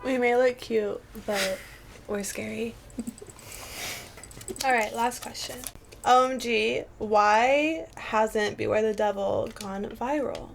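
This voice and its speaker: A woman's voice: a little high, takes it slowly, creaky, slight background noise. A woman hosting a casual interview, upbeat, reading listener questions aloud to her guest. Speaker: interview host.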